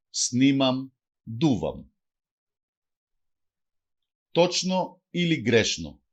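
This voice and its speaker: A man with a Greek accent reading a language lesson aloud, saying phrases one by one and then translating each. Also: medium pitch. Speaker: language teacher.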